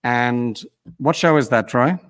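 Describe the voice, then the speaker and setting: Hosting a casual video-call interview, a British man speaks slowly and smoothly in an ordinary middle-pitched voice. His chatty, rambling manner has him circling back to his questions and teasing his guest now and then.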